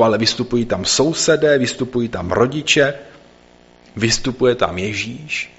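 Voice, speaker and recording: Guy preaching, reads the passage then talks it through casually, mid pitch, slightly dull lo-fi audio. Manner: conversational explaining, fillers like "jo" and "no a". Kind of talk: scripture reading then sermon.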